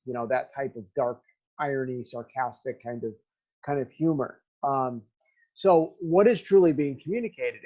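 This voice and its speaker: A man teaching a recorded remote lesson, talking straight to his students in a halting way with many ums. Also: mid-range voice, highs cut off.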